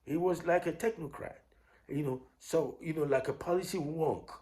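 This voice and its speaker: Combative and repetitive, a Ghanaian-accented online commentator rants his opinions off the cuff, often stopping and starting phrases over. He speaks in a warm, slightly high voice.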